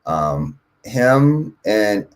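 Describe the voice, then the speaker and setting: A man, a guest musician, answering interview questions casually and telling long, animated stories. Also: fairly low pitch, very slow. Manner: rambling, animated storyteller.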